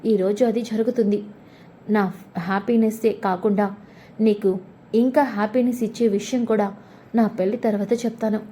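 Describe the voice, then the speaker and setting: A woman's voice: medium pitch, steady tone, normal speed, pauses often, warm tone, slight background noise, close to an everyday voice. A woman voicing a proud young bride who snaps indignantly. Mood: cheerful.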